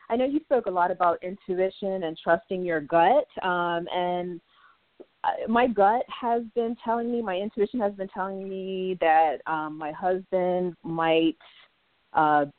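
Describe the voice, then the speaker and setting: Soft-spoken woman caller on the phone. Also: on the low side, dry recording. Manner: soft-spoken, hesitant, careful. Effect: over the phone. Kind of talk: call-in question. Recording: dry, tinny phone line.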